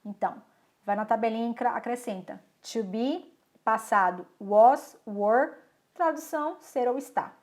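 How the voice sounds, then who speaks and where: A woman from Brazil teaching English online, explaining grammar step by step and reading English sentences slowly and carefully. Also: fairly high pitch, darkish tone.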